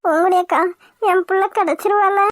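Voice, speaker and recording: A woman's voice: very high-pitched, steady tone, fairly quick, dry recording, clean studio sound. Woman voicing Shanthi, a tearful grieving mother. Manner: sobbing, pleading. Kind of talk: cartoon voice acting.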